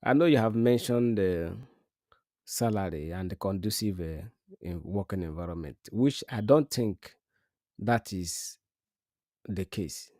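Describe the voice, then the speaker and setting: A man hosting a remote interview, speaking slowly and haltingly over a bad call connection that keeps cutting out. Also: deep voice, mellow, no room sound, studio quality. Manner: slow, halting, with many fillers.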